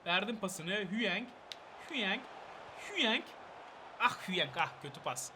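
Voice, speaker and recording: A young man giving excitable live gameplay commentary, urging on and scolding his players. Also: high voice, moderate pace, background noise. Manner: excitable, shouts at players, bursts of laughter. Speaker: gaming channel host.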